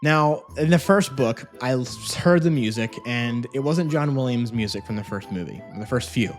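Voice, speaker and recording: With music playing, an animated man reviews audiobooks for his vlog at a moderate pace and medium pitch. He's casual and gushingly enthusiastic, speaking into a separate microphone paired with a phone camera in a home office.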